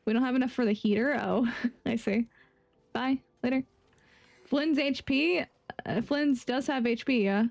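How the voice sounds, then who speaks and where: A woman's voice: high-pitched, measured pace, vocal fry, pauses often, darkish tone, no room sound, lo-fi sound. A woman casually chatting with her viewers while live-streaming a game; laid-back, laughing often and swearing freely.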